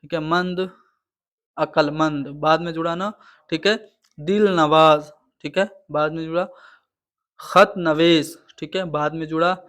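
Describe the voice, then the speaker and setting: Male tutor, higher voice, patient step-by-step explaining, online exam-prep lecture. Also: fairly even intonation, unhurried, long pauses, a bit bright. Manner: explains answers step by step, repeating "theek hai".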